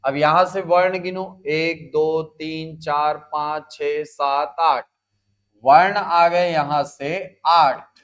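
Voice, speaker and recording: A man from India teaches a class at an unhurried pace, his voice sitting slightly high. He breaks each word into its parts and counts them aloud, prodding students with brief questions and prompts. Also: a bit bright. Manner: slow, deliberate spelling out and counting aloud; coaxes students with short prompts. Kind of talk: classroom lecture.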